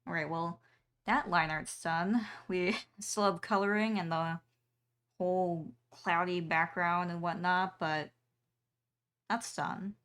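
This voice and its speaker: A woman's voice: fairly low pitch, steady tone, slow, fairly bright tone, clear, resonant tone. A young woman streamer chatting casually with her viewers while she draws, with frequent ums and small laughs. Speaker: streamer and artist.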